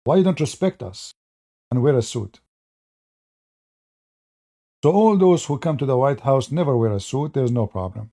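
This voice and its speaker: A medium-pitched man talks at a moderate pace with frequent pauses. Relaxed and mellow, he rambles through mocking political remarks aimed at his viewers, often starting sentences over.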